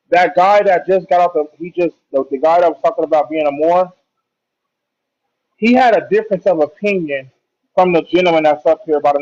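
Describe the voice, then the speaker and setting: Man with a muffled, bass-heavy voice. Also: a little mellow. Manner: slangy and conversational, pleading his point. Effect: muffled, bass-heavy, underwater-like sound. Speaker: caller in a live audio chat. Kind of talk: casual argumentative chat. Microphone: headphone mic. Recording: muffled lo-fi headphone mic.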